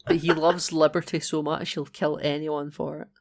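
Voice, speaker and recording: Here a Scottish man co-hosts a laid-back film-review podcast, playful and chatty, frequently restarting what he says. His voice is slightly high and flat, at a moderate pace, with vocal fry and a faint hiss or hum in the recording.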